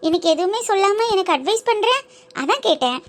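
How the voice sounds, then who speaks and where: A woman voicing a chatty cartoon daughter, very high voice. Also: expressive, fairly quick. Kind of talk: cartoon voice acting.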